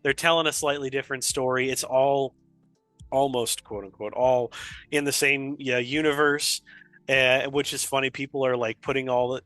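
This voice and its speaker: A man's voice: mid-range voice, fairly even intonation, moderate pace, a bit bright, no echo, faint music behind. A man co-hosting a gaming podcast, talking in an enthusiastic, rambling casual chat. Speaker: podcast co-host.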